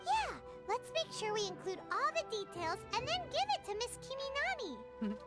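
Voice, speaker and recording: Paimon, a squeaky childlike game companion. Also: female voice, wildly swooping pitch, moderate pace, exaggerated voice. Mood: chirpy. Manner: bubbly and exclamatory. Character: tiny floating female companion, childlike and food-loving. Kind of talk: game character dialogue. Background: game music.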